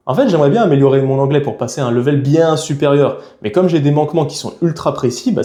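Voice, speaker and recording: A man's voice: on the high side, warm tone, roomy sound. A young man from France talking frankly and casually to camera in a vlog, with a chatty, slangy way of speaking. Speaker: YouTuber.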